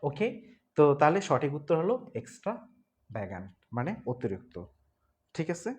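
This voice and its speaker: A man's voice: a little high, very animated, normal speed. Man teaching an exam-prep class, repetitive. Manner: explains step by step, repeats points, asks students if they understood; spells words letter by letter, mixes Bengali with read-out English. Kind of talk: online exam-prep lecture.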